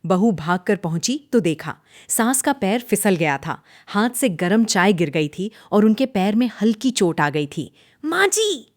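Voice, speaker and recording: A woman narrates a cartoon story in a dramatic way, her pitch rising and falling a great deal. The recording is close and dry, with no room sound. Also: animated, unhurried, no room sound.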